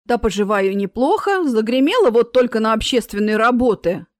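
A woman voicing a chatty, fussy older cat owner who talks excitably. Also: on the high side, normal speed, no room sound, clean studio sound, natural voice.

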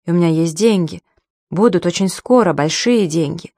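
A woman's voice: on the low side, normal speed, dark tone, dry recording, studio quality. A woman voicing a desperate pleading man. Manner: frantic, pleading.

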